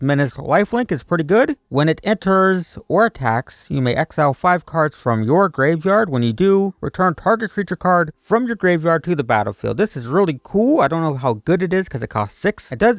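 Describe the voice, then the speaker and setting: A man's voice: fairly high pitch, dry recording. Rambling man in a dry, close recording. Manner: rambling, hesitant, musing aloud. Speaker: video creator opening card packs. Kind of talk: casual off-the-cuff gaming commentary.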